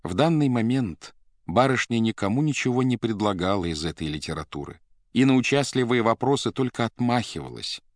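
A man narrating a literary audiobook in a measured, even storytelling manner. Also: medium pitch, no echo, studio quality.

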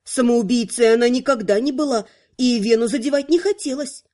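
Woman narrator, high voice, audiobook reading, even and measured.

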